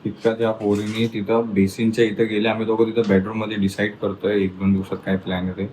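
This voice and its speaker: A man speaking in a casual home vlog, a father gently coaxing and soothing his young daughter indoors. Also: fairly low pitch, little pitch movement, fast, slight background noise, poor audio. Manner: coaxing and soothing toward a child. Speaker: father and family vlogger.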